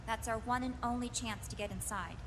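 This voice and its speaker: A woman's voice: fairly high pitch, steady tone, brisk, heavy background noise, lightly acted. Woman acting a grave commanding female officer, echoing hall. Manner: grave, commanding briefing delivery. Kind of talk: scripted video game voice acting. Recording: long hall reverb, music behind.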